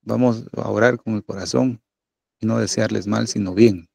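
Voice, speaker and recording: Gravelly-voiced man preaching conversationally. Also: lowish voice, steady tone, normal speed, a little mellow. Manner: conversational preaching with many tag questions. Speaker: pastor. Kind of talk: sermon.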